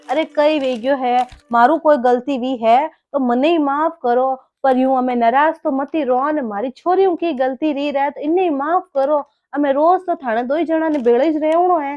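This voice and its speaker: Comic skit: a woman playing a gentle old Marwari mother-in-law, high, pleading voice. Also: no room sound. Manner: soft, pleading, conciliatory.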